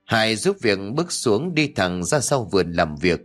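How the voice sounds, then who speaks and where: A man narrating a horror audiobook story in a steady storytelling voice. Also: lowish voice, measured pace, soft background music.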